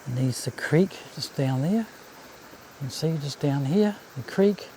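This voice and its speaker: A man gives casual, unhurried commentary on a nature walk, outdoors by a babbling creek. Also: a little high, expressive, mellow, poor audio. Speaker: walking vlog host. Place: outdoors on a bush walkway and swing bridge by a creek. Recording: outdoor ambience, faint insect noise. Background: cicadas, birds, babbling creek.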